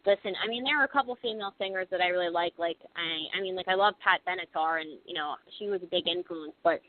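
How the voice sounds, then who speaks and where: Talking fast in a lowish voice, this young Pennsylvania band singer rambles through a relaxed radio interview, dropping "like" and "you know" often. The recording is dry and lo-fi, like a phone line on the radio.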